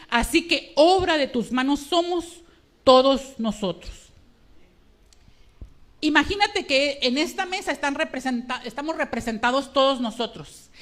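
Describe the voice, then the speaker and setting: A woman's voice: high voice, a bit bright. A woman preaches a sermon. She speaks emphatically and calls out to her listeners, her voice emotional and slightly trembling. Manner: passionate, emphatic, addresses the congregation directly.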